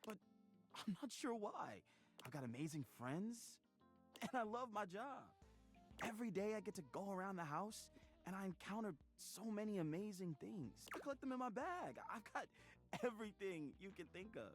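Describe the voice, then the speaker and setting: A man's voice: high-pitched, big pitch swings, moderate pace. An actor voicing a cheerful, chatty male vacuum cleaner in a dating game, with an upbeat, bouncy delivery. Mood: wistful. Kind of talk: video game voice acting. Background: game music.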